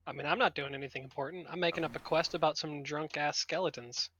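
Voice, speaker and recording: A man joining a livestream as co-writer, pitching ideas in easygoing, casual chat. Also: steady tone, fast talker, a bit bright, highs cut off, slight background noise.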